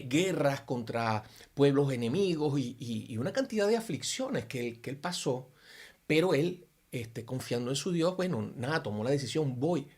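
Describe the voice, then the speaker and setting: A Venezuelan man with a Venezuelan Spanish accent gives an informal, earnest sermon-style Bible reflection in a mid-range voice with a breathy edge. He poses many rhetorical questions and often restarts his sentences.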